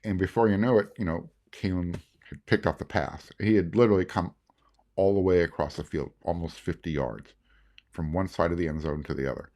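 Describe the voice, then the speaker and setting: A man's voice: low voice, a little fast, darkish tone. A man hosting a sports podcast, recapping in a casual, rambling way with many fillers and restarts. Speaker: podcast host.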